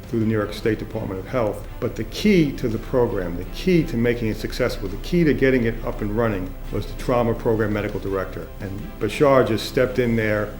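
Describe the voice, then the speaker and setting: A man's voice: lowish voice, fairly quick, few pauses. A man giving emphatic praise of a colleague in an interview. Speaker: hospital leader. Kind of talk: tribute interview. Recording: roomy echo. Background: soft background music.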